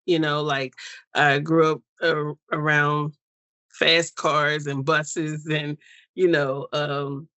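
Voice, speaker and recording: An American woman as an interview guest, speaking in a reflective, unhurried way with many pauses and fillers over a video call. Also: low-pitched, level tone, a bit bright, no room sound. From United States. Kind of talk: personal story interview.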